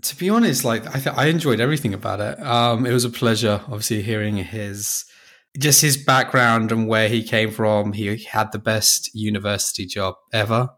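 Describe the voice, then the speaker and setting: A man with a fairly low voice co-hosts a casual podcast. He is friendly and informal, chatting and posing questions in loose conversational phrases. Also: normal speed, fairly bright tone. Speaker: podcast co-host. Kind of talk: casual chat and interviewing.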